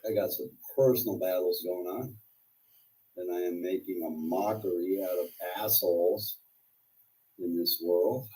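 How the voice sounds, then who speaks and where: A man's dark, relaxed voice comes through from some distance off the microphone. He rambles casually as a live stream host, with blunt, combative, sweary talk. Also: deep voice, unhurried. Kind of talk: casual rambling livestream monologue.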